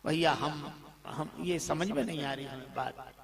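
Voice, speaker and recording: A man's voice: fairly high pitch, unhurried, creaky, soft background music, voice pushed down. A man voicing a frightened, simple-minded village sweet-seller who stammers and talks timidly. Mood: bewildered.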